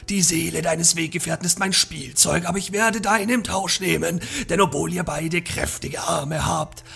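A man's voice: a little high, fairly even intonation, moderate pace, gravelly, fairly bright tone, husky, faint music behind, heavily acted. Man whispering as a hissing old shadow witch.

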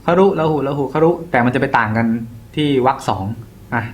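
A man's voice: mid-range voice, fairly quick, slight background noise. A young man tutoring for an exam in a casual, slangy way, talking to students like an older brother. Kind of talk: casual exam-prep lesson.

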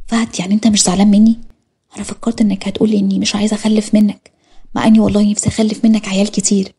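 A jealous, fiery young wife in an audio story, voiced by a woman. She speaks emphatically and pleads with an Egyptian accent. The delivery is fast, the tone warm and husky. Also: mid-range voice, close to an everyday voice. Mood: pleading. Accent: Egyptian Arabic.

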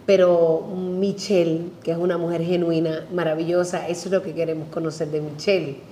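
A Puerto Rican woman in her forties hosting a talk show, loud and playful, laughing often and swearing for fun. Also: on the low side, level tone, a little fast, echoey room, a little hiss or hum. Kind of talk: casual interview chat. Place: bright studio with large windows.

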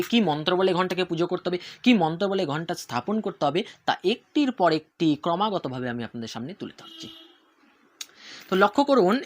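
Devotional teacher, bright clear tone, step-by-step instruction, asks and answers own questions. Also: mid-range voice. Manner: repeats key points. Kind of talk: instructional talk on worship ritual.

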